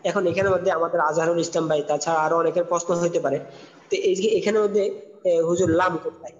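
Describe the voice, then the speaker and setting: Man, Quran recitation teacher, fairly high voice, slow syllable drills, dull lo-fi sound. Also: steady tone. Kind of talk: spelling-out tajweed lesson. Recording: dull lo-fi sound with long reverb.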